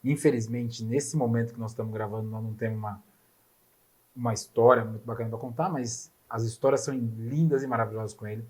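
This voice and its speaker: A middle-aged man with a Brazilian Portuguese accent hosting a podcast, telling a story in animated, casual chat and swearing freely. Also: medium pitch, fast talker. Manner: animated, swearing, acts out dialogue. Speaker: podcast host.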